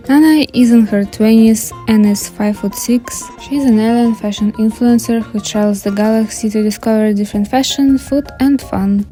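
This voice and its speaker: Her voice is a little high and mellow: a young adult woman with a Russian accent, hosting her art channel on YouTube. She offers casual scripted commentary, with background music playing.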